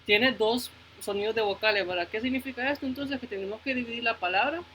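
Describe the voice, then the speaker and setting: Bright-voiced male teacher, patient and repetitive. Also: very high-pitched, a little hiss or hum, rough recording. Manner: patient, checks in with "¿ok?" often, repeats words slowly; switches between Spanish and English. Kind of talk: phonics lesson for children.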